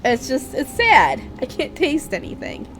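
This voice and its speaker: A woman's voice: sits high, huge pitch swings, measured pace, fairly bright tone, slight background noise. A woman doing casual gameplay commentary while sick with a congested chest, blunt and grumbling, with casual swearing. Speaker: game streamer.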